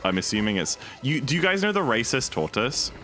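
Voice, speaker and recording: A man's voice: medium pitch, very animated, brisk, fairly bright tone, faint music behind. A man streaming a speedrun, chatting casually and rambling with lots of fillers while he reads and answers his chat.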